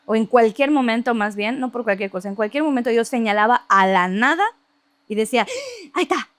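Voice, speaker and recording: A woman telling a story from her childhood in casual, lively conversation, laughing often and imitating other people's voices. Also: on the high side, fairly quick, no room sound. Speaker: podcast guest.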